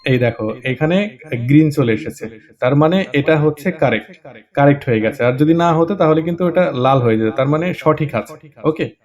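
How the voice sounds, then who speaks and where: A man's voice: fairly high pitch, expressive, moderate pace, darkish tone. A man casually presenting an app tutorial, chatty, with frequent check-ins and hesitation fillers.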